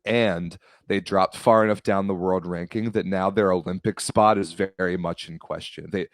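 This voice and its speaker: Young guy cohosting a sports podcast, low voice, dry close sound, lays out the numbers. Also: fairly even intonation, normal speed, no room sound. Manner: analytical, talks through rankings point by point. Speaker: podcast co-host. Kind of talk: casual sports chat.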